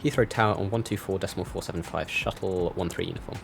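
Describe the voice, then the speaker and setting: A man's voice: deep voice, quick pace, vocal fry, very noisy. A man doing clipped, procedural pilot radio readbacks as if over a cockpit headset. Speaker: flight sim tutorial host. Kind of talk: ATC radio phraseology readbacks.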